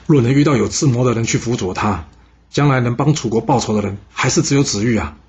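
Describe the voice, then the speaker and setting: A man's voice: medium pitch, fast, darkish tone, highs cut off, slight background noise, lightly acted. A man voicing a clever young boy who eagerly reasons with his father. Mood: earnest.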